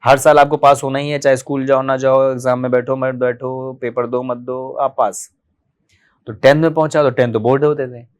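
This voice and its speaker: A man in his thirties from Delhi, a podcast guest telling his life story in a candid, animated way and acting out remembered dialogue. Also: medium pitch, normal speed, smooth. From Delhi, India. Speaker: podcast guest, martial arts practitioner.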